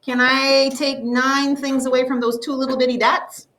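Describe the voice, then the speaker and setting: A woman teaching a math lesson to a classroom, explaining step by step and slowly drawing out the numbers. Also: high-pitched, flat delivery, a bit bright, recorded from a distance, rough recording.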